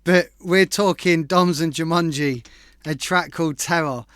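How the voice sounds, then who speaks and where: A man's voice: fairly high pitch, fairly even intonation, a little slow, fairly bright tone, clear, resonant tone, no echo, clean studio sound. A man hosting a live stream, giving blunt, sweary, slang-heavy feedback on tracks. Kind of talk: casual chat. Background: faint music playback.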